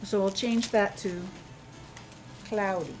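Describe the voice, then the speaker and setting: This preschool teacher speaks slowly in a mid-range voice, running an interactive lesson where she playfully exclaims, asks the children questions, and sounds out words. The recording is low quality with slight background noise.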